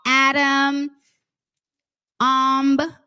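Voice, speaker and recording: A woman who is a children's author and special education teacher gives an informal talk and read-aloud to an audience. Her high voice moves extremely slowly, and she is chatty and expressive, often checking in with "right?" and "okay?"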